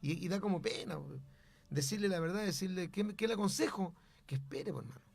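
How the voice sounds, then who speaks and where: A man's voice: high voice, brisk, creaky, darkish tone. A man, a pastor and radio host, telling a testimony in an emphatic, preacherly way. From Chile.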